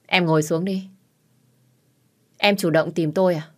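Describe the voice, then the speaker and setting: A woman's voice: fairly low pitch, steady tone, unhurried, close to an everyday voice. A woman voicing a smug young man who teases in an offhand, mocking way.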